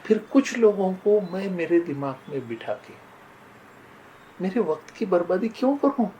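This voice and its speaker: A man's voice: high-pitched, sing-song, unhurried, mellow, a little hiss or hum, low-quality recording. Earnest older man telling moral stories. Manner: earnest storytelling, often addresses listeners as friends. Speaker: motivational speaker. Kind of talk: motivational talk with personal stories.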